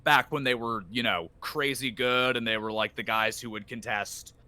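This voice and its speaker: A man who coaches esports, chatting on a live podcast, animated and casually swearing, trailing off quietly at times. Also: mid-range voice, normal speed, no echo.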